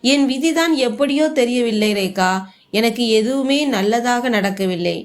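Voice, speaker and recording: A woman's voice: on the high side, lively intonation, unhurried. A woman storyteller voicing an honest, hardworking poor husband who speaks earnestly and plainly. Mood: despairing.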